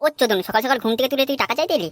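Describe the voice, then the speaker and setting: A woman voicing a grumpy, crude father in a comic cartoon. He talks in a gruff way and swears a lot. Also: high voice, very fast, no room sound, clean studio sound. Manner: gruff, cursing.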